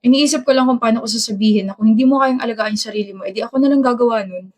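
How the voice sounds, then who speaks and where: A woman's voice: fairly high pitch, racing. A woman acting out a bickering, teasing romantic dialogue in a short drama skit.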